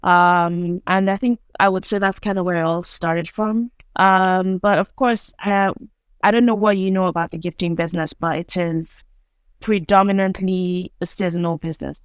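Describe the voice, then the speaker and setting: A woman from Nigeria, a guest on a video call, telling her story in a relaxed, chatty way. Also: fairly low pitch, moderate pace, clear, resonant tone, no echo, clean studio sound. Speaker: guest entrepreneur. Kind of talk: casual interview.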